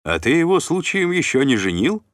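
A chubby, crafty noble who chatters and haggles with good humor, played by a man in a raised, lively voice. The storybook uncle is scheming yet warm. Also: a little high, normal speed, no echo, clean studio sound, pitched above the performer's own voice. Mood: jovial. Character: plump, sly, jovial male noble uncle.

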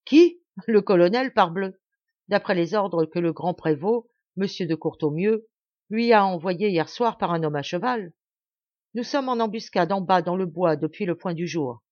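A woman's voice: fairly low pitch, moderate pace, darkish tone, no room sound, highs cut off, close to an everyday voice. A woman voicing a blunt army sergeant who speaks brusquely and swears, in a dry home recording. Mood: exasperated.

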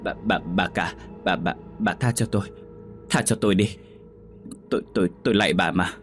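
A man's voice: low voice, moderate pace, a bit bright, soft background music. A man voicing a scheming older woman who stammers as she begs in a ghost story. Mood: terrified pleading. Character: scheming older woman, bossy then groveling.

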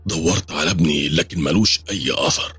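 Husky, fast Egyptian horror narrator. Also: male voice, very deep voice, a bit bright, dry recording, soft background music. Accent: Egyptian Arabic. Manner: urgent, dramatic. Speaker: storyteller. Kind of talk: first-person horror story narration.

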